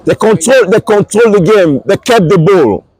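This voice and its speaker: A high-pitched male interviewer questions football fans in a casual style. His delivery is halting, and he often starts a question again. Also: lively intonation, darkish tone, husky.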